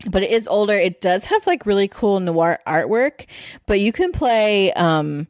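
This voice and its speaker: A woman's voice: mid-range voice, animated, measured pace, darkish tone, no echo, studio quality. A woman co-hosting a podcast, chatting in a rambling, self-deprecating way. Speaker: podcast co-host. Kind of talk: casual chat.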